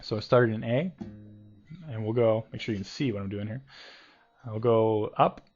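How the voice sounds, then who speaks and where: A man's voice: fairly low pitch, steady tone, fairly quick. A man giving a casual guitar lesson, explaining loosely with many ums and restarts. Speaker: guitar teacher. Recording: dull lo-fi home video audio with guitar.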